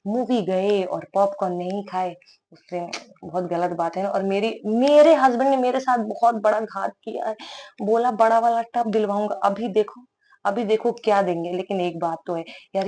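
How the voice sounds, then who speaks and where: A woman's voice: medium pitch, a little mellow. A young woman talks through her night out in a chatty vlog voice-over. She jokes at her own expense and drops teasing asides, keeping it light and playful the whole way through. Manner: playful, self-mocking, jokey asides. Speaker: vlogger.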